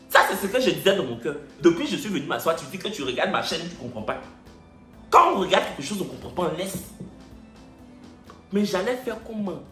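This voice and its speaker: Young man, Ivorian accent, high voice, lively theatrical storyteller, echoey room. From Ivory Coast. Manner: lively, theatrical, addresses viewers directly. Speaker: YouTuber. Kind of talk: animated storytelling vlog. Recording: echoey room, faint music.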